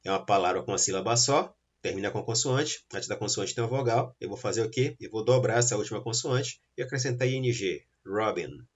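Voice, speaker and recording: A man's voice: on the low side, brisk, few pauses, slightly rough, highs cut off. A male teacher with a Brazilian Portuguese accent explains grammar rules step by step, often checking in with his students. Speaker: English teacher. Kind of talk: recorded grammar lesson.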